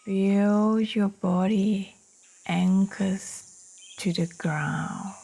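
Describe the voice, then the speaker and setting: This low-quality recording features a woman with a mid-range voice guiding a meditation over birdsong. She leaves long gaps between brief phrases, keeping her tone soft, soothing and breathy.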